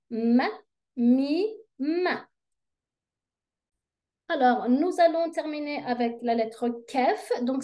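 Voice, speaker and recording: Female teacher, unhurried and patient, spells out each letter slowly and carefully. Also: sits high, mellow. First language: Arabic. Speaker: Arabic reading teacher. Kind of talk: slow step-by-step lesson.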